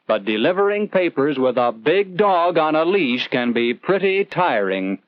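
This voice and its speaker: With a fairly high voice that swings widely in pitch and runs a little slow, a man narrates a scripted 1940s instructional film. His manner is earnest and conversational storytelling with questions put to the viewer, and the old soundtrack is lo-fi with no room sound.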